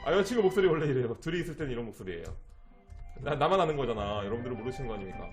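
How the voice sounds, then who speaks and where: A man's voice: mid-range voice, lively intonation, rapid-fire. A man streaming a game live, chatting and thanking viewers in a sing-song way, teasing and joking as he plays. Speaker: internet streamer. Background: game music.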